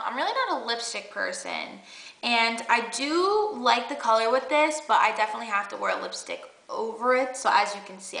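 Young woman, beauty vlogger, chatty and gushing; bright gravelly voice in an echoey room. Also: medium pitch. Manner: chatty, gushing, many fillers and restarts. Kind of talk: casual makeup haul chat.

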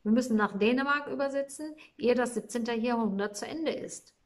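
A woman voicing a gentle, wise male angel who calmly explains things to the travellers. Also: on the high side, moderate pace, close to an everyday voice.

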